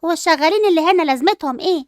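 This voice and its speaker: A woman's voice: extremely high pitch, rapid-fire, no room sound, clean studio sound. A woman with an Egyptian accent voicing a spoiled, jealous and vengeful schoolgirl who talks in a whiny, defiant way. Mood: spiteful. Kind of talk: amateur role-play dub.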